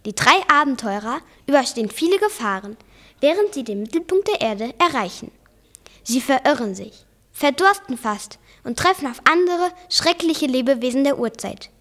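A student reading a novel aloud with a careful, deliberate read-aloud delivery, introducing the book and narrating the story. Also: female voice, sits high, animated, a bit bright. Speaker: student reader.

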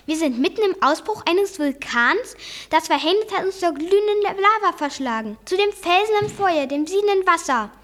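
A young reader voicing a frightened, excitable young nephew in a storybook reading, with an urgent, alarmed delivery. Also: female voice, very high voice, normal speed, hardly any pauses, pitched above the performer's own voice. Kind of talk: read-aloud storybook voice.

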